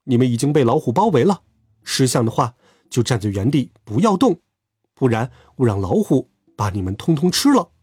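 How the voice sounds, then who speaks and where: A man voicing a cheeky, bold boy hero who teases and threatens the crooks in a husky voice. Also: on the high side, sing-song, moderate pace, hardly any pauses, darkish tone, no room sound. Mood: taunting. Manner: teasing, threatening.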